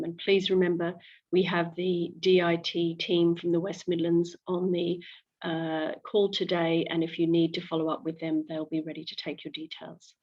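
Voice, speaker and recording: A woman moderating a roundtable over a video call, measured and formal as she reads out names and titles. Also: lowish voice, muffled recording. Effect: heard over a video call.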